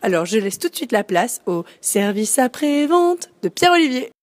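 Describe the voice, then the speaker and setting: A woman's voice: on the high side, very animated, normal speed, over music. A young woman presenting a student TV show in an upbeat, casual way.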